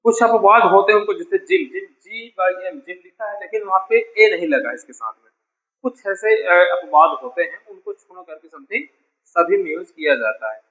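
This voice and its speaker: Bright-voiced, high-pitched male teacher. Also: lively intonation, moderate pace, dull audio. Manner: patient, repeats points, addresses students as dear children. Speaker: English teacher. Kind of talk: classroom lesson explaining spelling.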